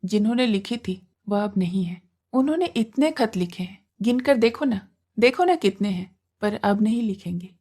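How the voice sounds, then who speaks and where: A woman voicing a grieving young widow who pleads softly and tearfully. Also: mid-range voice, lively intonation, moderate pace, husky.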